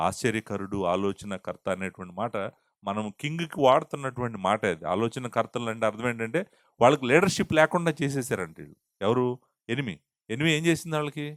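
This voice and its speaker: A man preaching an expository sermon at a mid pitch. He teaches through rhetorical questions and mixes English words into his talk. The sound is dry and close, with no room echo. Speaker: pastor.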